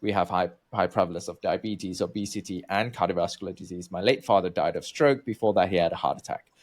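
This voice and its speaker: A man from Malaysia with a lowish voice talks through his career as an interview guest. He is chatty and loose, full of fillers and restarts. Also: quick pace. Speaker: guest researcher. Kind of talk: interview storytelling.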